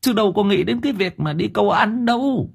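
A man voicing an excitable, fawning village man who talks high and whiny. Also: a little fast, gravelly, breathy edge, heavily acted. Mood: whiny pleading. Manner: high, whiny, emotional pleading.

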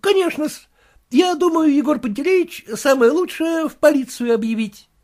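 Brief: an obsequious clerk, eager and servile, with a thin high voice, done by a male reader. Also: normal speed, a little mellow. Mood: fawning. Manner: deferential, fawning politeness.

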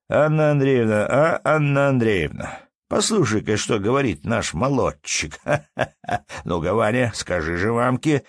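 A man doing a gruff, bossy steward. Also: sits low, no echo, clean studio sound. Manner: gruff, bossy, mocking laughter. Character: blustering domineering male village steward, middle-aged.

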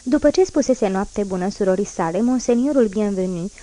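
Woman narrator reading an old novel, measured and even, mid pitch. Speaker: audiobook narrator. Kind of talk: literary audiobook reading.

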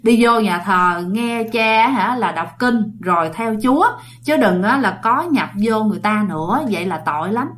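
Woman doing a gentle coaxing old priest. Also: mid-range voice, lively intonation, moderate pace, slight background noise, natural voice. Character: calm older male parish priest.

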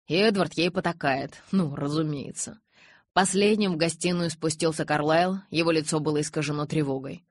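A woman narrating a novel in the first person in an even, measured reading voice. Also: deep voice, dry recording. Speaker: audiobook reader.

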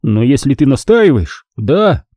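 In an audiobook, a man voices a teenage Jedi apprentice who is calm and cautious, reasoning gently and in a measured way. His pitch is medium, and the recording is dry and of studio quality.

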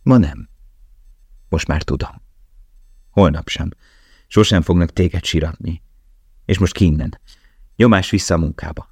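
A haunted young woman prisoner, tender and quiet, read out by a man. The voice underneath stays deep and low, and the recording is dry and close, like a studio audiobook. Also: long pauses, slightly rough, no echo. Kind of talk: audiobook dialogue.

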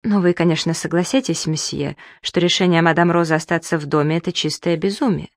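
A woman's voice: fairly low pitch, fast talker, dry recording, studio quality, natural voice. A reader voicing a proud young woman pleading in anguish. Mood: scornful. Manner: pleading, emotional reading.

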